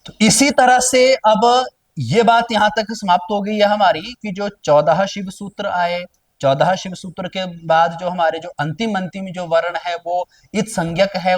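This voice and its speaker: A man with a high, light voice gives a grammar lesson, slightly distant from the microphone. He explains patiently, repeating key terms and asking questions he answers himself. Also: steady tone, unhurried. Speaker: Sanskrit grammar teacher. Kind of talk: explanatory lecture.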